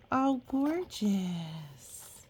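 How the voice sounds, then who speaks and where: In a mid-range, very animated voice, a woman draws out her words while reading a picture book aloud. She chats, reacts with expression, and explains things softly as if to young children, with slight background noise present.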